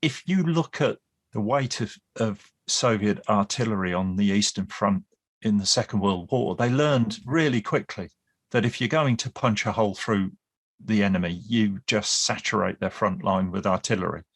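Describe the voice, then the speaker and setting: A man with a fairly low voice, appearing as a guest expert on the Cold War British Army, sets out his points at length in a relaxed podcast conversation. He speaks at a moderate pace, often restarts his phrases, and drops in dry humour.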